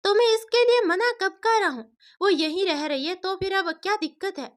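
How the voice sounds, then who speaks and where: A woman's voice: very high-pitched, moderate pace, pitched above the performer's own voice. A woman voicing a proud, short-tempered widowed father who argues insistently and scolds. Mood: arguing.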